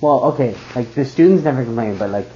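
A man's voice: medium pitch, lively intonation, fast, mellow. A man in casual chat who rambles and says "like" constantly. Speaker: cooking student. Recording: dull lo-fi sound with faint noise.

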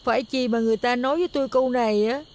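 An actress as lonely, plaintive Mơ. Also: female voice, a little high, fairly even intonation, very fast, a little mellow, lightly acted. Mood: wistful. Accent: Southern Vietnamese. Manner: plaintive, wistful, then scolding. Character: lonely single woman, self-pitying then sharp-tongued. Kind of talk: comic TV drama acting.

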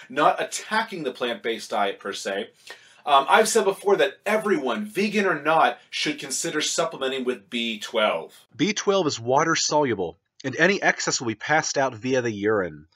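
A man's voice: mid-range voice, fairly bright tone, slightly rough. A young man on his fitness vlog, reading a scripted commentary with emphatic, blunt asides, filmed on a webcam in a home kitchen. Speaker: vegan fitness vlogger.

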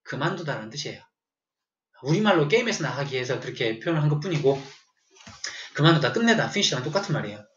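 A man's voice: a little high, very animated, fast talker, pauses often, fairly bright tone, a little hiss or hum. A man teaching English vocabulary to a class, telling a joking story and quizzing his students as he goes. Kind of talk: classroom lecture. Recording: echoey room, dull lo-fi sound.

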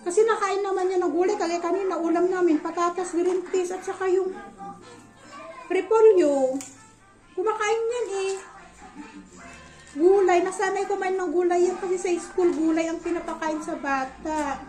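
A woman's voice: very high voice, moderate pace, a little mellow, roomy sound, faint music behind. A young woman, a mother, chatting casually to her viewers and telling a story from home while she works. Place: at home, indoors.

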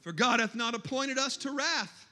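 A man preaching a sermon in a church, moving between hushed scripture reading and shouted exhortation. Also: extremely high pitch, normal speed.

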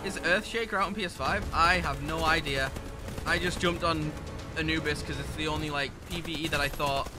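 A man streaming a shooter game live, chatting with his viewers in a profane, excitable way and quick to rant. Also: fairly high pitch, over music. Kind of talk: live gameplay commentary with chat. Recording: game gunfire clearly heard behind the voice.

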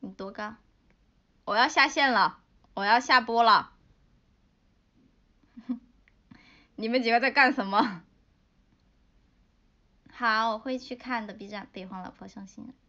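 Giggly young woman livestreaming, bright lo-fi. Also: on the high side. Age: 20s. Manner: giggly, playful, tells a joke haltingly. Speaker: livestream host. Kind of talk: casual livestream chat with fans. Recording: dull lo-fi livestream audio.

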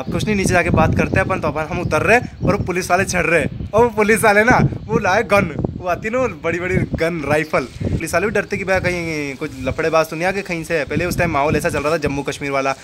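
A man's voice: a little high, background noise. A young man with a Rajasthani Hindi accent telling a personal story in a chatty way, repeating phrases and acting out the people he quotes. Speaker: storyteller vlogger. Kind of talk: casual spoken storytelling.

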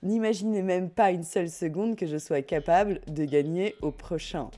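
A young woman streaming a party game, commenting in an excitable, laughing, self-mocking way. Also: on the low side, moderate pace. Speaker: gaming streamer. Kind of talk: live let's play commentary. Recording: faint game music behind.

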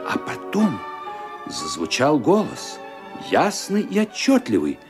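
A man narrating a literary radio drama in an expressive storytelling manner, building suspense. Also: a little high, slow. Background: violin music.

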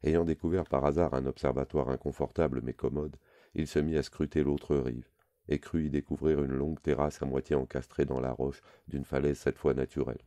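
A man reads a novel aloud in a measured, literary way. His voice is extremely low and dark. The sound is close and dry, with no room around it. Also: level tone, no room sound. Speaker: audiobook reader. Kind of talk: scripted narration.

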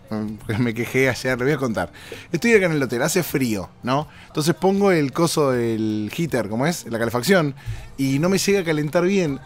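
Hoarse, joking Argentine man hosting. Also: medium pitch. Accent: Argentine Spanish. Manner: playful, rambling, addresses listeners directly. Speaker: podcast host. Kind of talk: casual comedic monologue. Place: hotel room.

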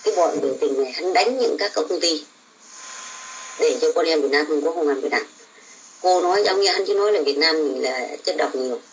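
A woman's voice: deep voice, a little fast, slight background noise, low-quality recording. An older woman, a domestic worker abroad, ranting about politics in a blunt, scolding way. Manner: blunt, scolding, coarse words. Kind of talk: casual political rant.

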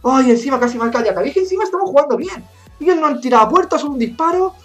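A woman in her twenties with a Spain Spanish accent, commentating her own gameplay live, excitable and swearing often as she rants. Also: sits high, rapid-fire, faint music behind. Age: 20s. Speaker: gaming YouTuber.

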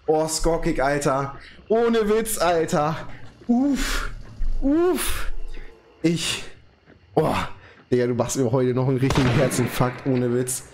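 A young man streaming from home, overjoyed and slangy, his voice trembling with excitement. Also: mid-range voice, unhurried, a little hiss or hum. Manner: overjoyed, slangy, constant exclamations. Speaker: live streamer. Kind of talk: excited live stream reaction. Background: music.

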